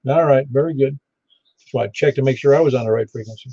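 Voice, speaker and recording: A man working as a ham radio net controller, halting and easygoing as he takes an informal roll call. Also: medium pitch, gravelly, dark tone, no room sound. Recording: dull band-limited ham radio audio.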